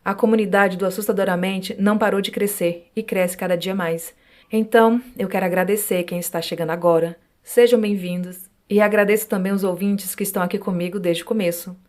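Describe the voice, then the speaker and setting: A woman with a Brazilian Portuguese accent, a podcast host calmly reading listeners' true supernatural stories aloud. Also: medium pitch, a little fast.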